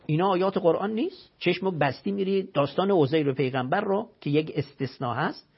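A man with a fairly high, husky voice and some vocal fry, recorded in lo-fi quality. He's a religious scholar delivering an emphatic explanatory talk on a radio broadcast, packed with rhetorical questions and recited scripture.

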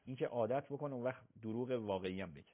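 A man acting as a religious scholar on a live call-in show, explaining rulings methodically with emphatic examples. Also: medium pitch. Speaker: religious scholar answering questions. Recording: tinny phone-like broadcast sound.

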